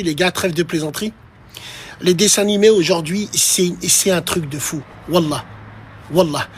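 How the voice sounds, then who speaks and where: A man's voice: high voice, fairly bright tone, husky. A man ranting on a live stream, talking straight to his chat in a crude, provocative and mocking way. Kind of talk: casual live-stream rant.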